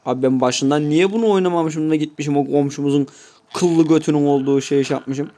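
A gameplay YouTuber gives casual commentary, swearing constantly and grumbling to viewers in mock-offended asides. His voice is dark and a little high, and he talks fairly quickly.

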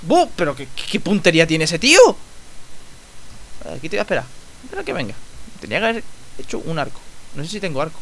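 A young man with a Spanish accent from Spain, commenting on his Minecraft play in an excitable, joking way and swearing freely. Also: quick pace, pauses often, low-quality recording. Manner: excitable, swears, jokes, sudden squeaky outbursts. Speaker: gaming YouTuber. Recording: faint hiss.

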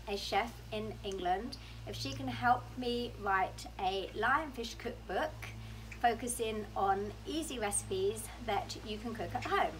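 A middle-aged woman introducing a cooking demonstration, speaking at a slow, deliberate pace outdoors, filmed by a camera at close range. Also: a little high, a bit bright, slight background noise, low-quality recording. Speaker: lionfish conservationist. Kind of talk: scripted introduction. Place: outdoor seating area by the sea.

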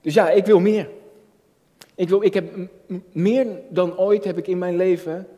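A high-pitched, dark-toned voice holds steady at normal speed as this early-thirties junior pastor gives a personal, reflective sermon. Earnestly, he repeats phrases and raises rhetorical questions from a lectern on a church stage. Filmed from afar, the audio has a long hall reverb.

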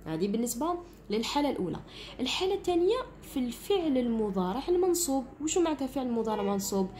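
A primary school teacher with an Algerian Arabic accent gives children a grammar lesson, explaining each step and often asking "understood?" to check they follow. Her voice is on the high side, sing-song, mellow and racing, with a little hiss or hum.

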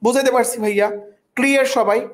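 A woman's voice: on the high side, steady tone, fast. A woman teaching a vocabulary class, repeating each word and often checking that students understand. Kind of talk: online class lesson.

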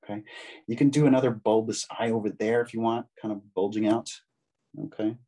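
Husky, low-voiced man teaching drawing. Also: steady tone, a little fast, dark tone. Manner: chatty and encouraging, with fillers. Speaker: drawing instructor. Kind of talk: casual draw-along lesson.

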